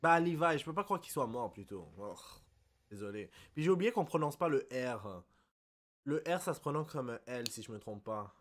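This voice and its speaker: Lively, excitable Québécois man reacting. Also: mid-range voice, moderate pace. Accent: Québécois French. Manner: excitable, blurts English exclamations, apologetic. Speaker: anime reaction YouTuber. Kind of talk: casual reaction commentary.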